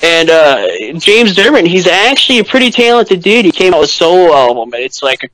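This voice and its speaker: A man with a high, light voice chats as a podcast guest. He rambles through his points, stacks up fillers and restarts, and sounds close and dry with no room around him. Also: animated, fairly quick, fairly bright tone, dry recording, poor audio. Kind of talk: casual chat about rock bands.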